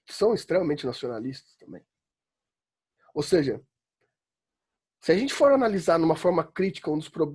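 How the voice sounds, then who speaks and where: Teaching an online law philosophy class from his home in quarantine, this São Paulo professor speaks in a slightly high, a little mellow, slightly rough voice. His Paulista accent carries a chatty, emphatic style that can build into exasperated rants, with "né?" coming up often.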